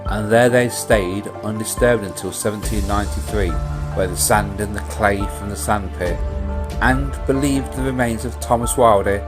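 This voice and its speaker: A man's voice: fairly low pitch, normal speed. A man reading a scripted historical ghost-story narration. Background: music.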